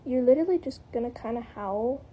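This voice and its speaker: A woman's voice: a little high, lively intonation, fairly quick, lo-fi sound, slight background noise. A woman giving a casual, rambling spoken tutorial, hedging with lots of "like" and "kind of". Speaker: tutorial maker.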